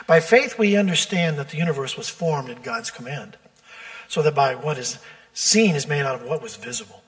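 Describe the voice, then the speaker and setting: A pastor preaches a sermon from the pulpit, his slightly high voice measured and deliberate as he draws out key words for emphasis. The church sanctuary adds a long trailing reverb.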